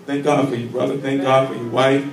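A man preaches from the pulpit in a fervent, repetitive way, punctuating every phrase with amens and thanks to Jesus. The sound is roomy and distant, picked up from the back of a church sanctuary with steady background noise. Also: medium pitch, brisk. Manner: fervent, repeats "amen" and "thank you, Jesus". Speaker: pastor. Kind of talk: church announcements and offering prayer. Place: church sanctuary, large indoor room. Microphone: handheld mic at pulpit, recorded by far tablet. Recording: echoey church sound from far off.

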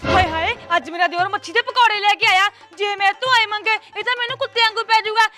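Squeaky, dramatic Punjabi aunty. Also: female voice, quick pace, sharp tone, soft background music. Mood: scheming. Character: dramatic, scheming Punjabi village sister-in-law. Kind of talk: comedy skit dialogue.

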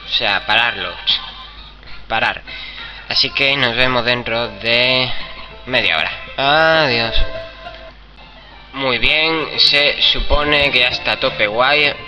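A man's voice: medium pitch, takes it slowly, rough recording. Man, Spain Spanish accent, let's play commentary, swearing and joking, game music playing behind. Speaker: gamer. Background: video game music.

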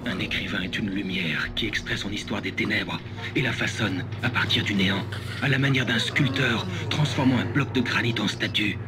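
A man's voice: lowish voice, moderate pace, over music, lightly acted. A man playing a brooding, obsessed writer giving a solemn, intense monologue in a video game. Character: brooding, obsessed male writer musing on darkness.

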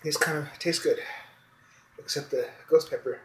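A man's voice: on the high side, steady tone, moderate pace. A man in his thirties giving casual commentary while his mouth burns from spicy food. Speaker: food challenge participant. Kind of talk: casual commentary during a challenge. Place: indoors at a kitchen dining table. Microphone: phone camera across the table. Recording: echoey room, faint background noise.

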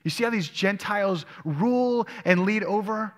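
Preaching at normal speed in a high-pitched voice, a male pastor reads scripture to his congregation and asks them questions. The church sanctuary gives the recording a long hall reverb.

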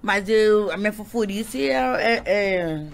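A woman's voice: mid-range voice, slow pace, vocal fry, slight background noise. A woman telling funny stories in a casual podcast chat, joking and laughing. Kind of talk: casual storytelling.

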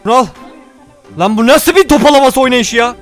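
Male gaming YouTuber, very high voice, loud slangy play-by-play over faint music. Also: fairly quick. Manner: rowdy slangy banter with excited exclamations. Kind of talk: gameplay commentary.

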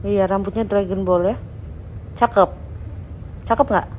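A woman's voice: medium pitch, fairly even intonation, measured pace, darkish tone, a little hiss or hum. A woman chatting playfully with small children in a casual home video. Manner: playful teasing talk to a baby. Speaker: family member filming children.

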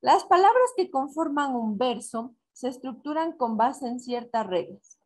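Very animated, a woman teacher at a school in Ecuador leads a recorded online class, moving slowly and deliberately step by step. Her slightly high voice counts syllables aloud, and she poses questions to herself before answering them.

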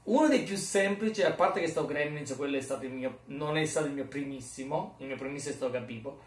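A man's voice: medium pitch, fairly even intonation, fast talker. A man vlogging in a rambling, jokey, self-mocking casual chat. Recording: roomy echo, mic far off.

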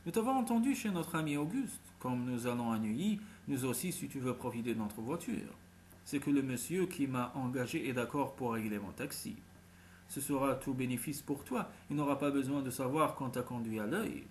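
A man's voice: mid-range voice, expressive, moderate pace, slight background noise, natural voice. A man doing a slick scheming crook. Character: scheming male crook, smooth talker.

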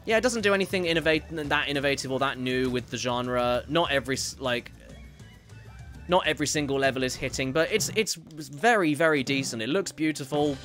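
A man's voice: mid-range voice, brisk, fairly bright tone, faint music behind. A man streaming a video game, chatting casually and reading viewer messages aloud, rambling and correcting himself as he goes. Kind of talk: casual gameplay commentary.

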